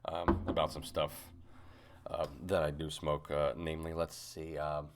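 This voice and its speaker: A man giving a casual, unscripted review as a hobbyist, musing and halting as he goes, often trailing into asides. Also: rumbling low, little pitch movement, heavy background noise. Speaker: pipe tobacco reviewer.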